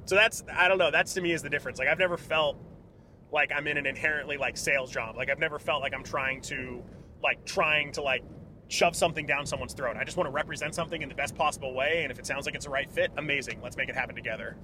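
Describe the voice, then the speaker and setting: A man's voice: fairly high pitch, steady tone, fast, bright, forceful tone. A man talking as a podcast guest in a car, enthusiastic and rambling, full of fillers. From California. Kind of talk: casual conversation. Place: inside a car. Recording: road and traffic noise.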